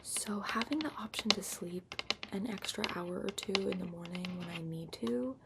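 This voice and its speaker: A woman giving an unhurried ASMR ramble in a hushed whisper and soft voice, recorded up close on a laptop microphone. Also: mid-range voice. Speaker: ASMR vlogger. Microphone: built-in laptop microphone, up close. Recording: lo-fi laptop microphone, clear background noise. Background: tapping and keyboard-like scratching sounds.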